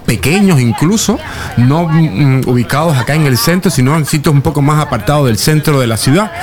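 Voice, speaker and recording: A man giving a live radio report, unhurried and hesitant, with many fillers. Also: medium pitch. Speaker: correspondent. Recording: crowd noise behind.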